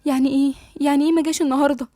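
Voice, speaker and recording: A woman's voice: high-pitched, little pitch movement, racing, mellow, no echo, clean studio sound, lightly acted. A woman with an Egyptian accent voicing a tired, confused young pregnant woman in an audiobook. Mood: dazed. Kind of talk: audiobook dialogue reading.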